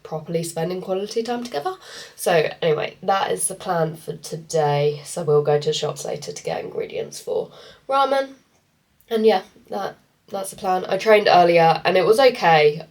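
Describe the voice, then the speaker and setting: Stuffy from a cold, a female fitness coach rambles through a casual vlog to camera, using lots of filler words. Her voice is low with a darkish tone.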